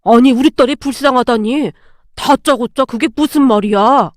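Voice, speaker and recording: Brief: a woman playing a blunt, lowered-voice older man for a storybook drama, scolding, dry close sound. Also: moderate pace, no echo, natural voice. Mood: reproachful. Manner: blunt, reproachful. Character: gruff older man, scolding father-in-law.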